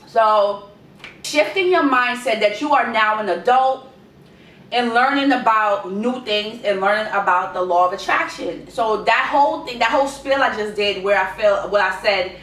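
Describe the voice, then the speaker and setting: A woman's voice: normal speed, fairly bright tone. Young Guyanese-accented woman in an echoey room. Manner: conversational, repeats key words for emphasis. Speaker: vlogger giving life advice. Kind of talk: informal advice vlog. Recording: echoey room, distant mic, rumbling noise.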